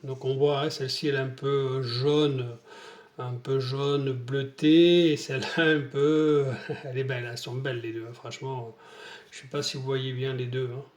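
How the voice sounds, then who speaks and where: A man's voice: mid-range voice, level tone, moderate pace. A man talking casually in a hobby vlog, hesitant and rambling with many fillers, showing paint tests to the camera. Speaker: scale model hobbyist.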